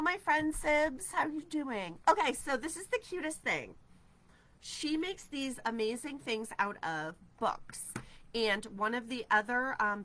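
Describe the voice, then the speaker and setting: On a casual craft livestream from her ribbon-shelved studio, a New Hampshire woman in her forties responds to viewer comments, cheerful despite a stuffy head cold. A camera at desk distance captures her slightly high voice and sharp tone.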